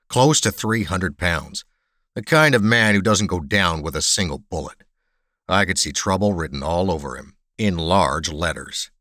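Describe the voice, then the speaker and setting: A man narrating a first-person thriller in a measured, dry, understated way. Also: deep voice, pushed and bright, no echo. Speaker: audiobook narrator.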